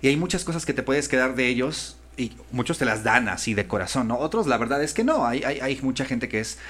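A man's voice: medium pitch, animated, fairly quick, fairly bright tone. A man, a voice-over artist and voice coach, chatting thoughtfully and restarting often as he searches for words. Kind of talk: casual conversation.

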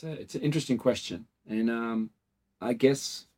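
A man's voice: mid-range voice, moderate pace, a little mellow. A man in his forties, from South Africa and Portugal, talking casually as a clinic founder in an interview, rambling through stories with many fillers. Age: 40s. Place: dental clinic office.

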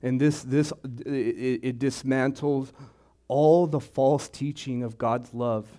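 Slow-preaching man. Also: medium pitch, fairly even intonation, dark tone. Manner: slow, deliberate preaching with repetitions. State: throat clearing, choked up. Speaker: pastor. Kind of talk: sermon.

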